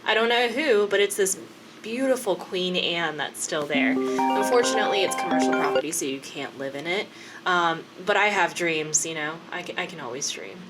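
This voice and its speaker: A woman's voice: lowish voice, animated, normal speed, loud music behind the voice. A woman in her thirties co-hosting a podcast in casual chat, chatty with frequent laughs and fillers. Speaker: podcast co-host.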